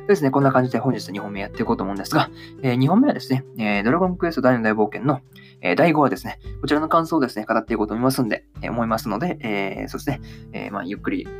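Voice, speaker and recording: A man in his twenties hosting a casual solo anime review podcast, talking in a rapid, stumbling way full of fillers. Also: mid-range voice, lively intonation, faint music behind. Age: 20s. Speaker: podcast host.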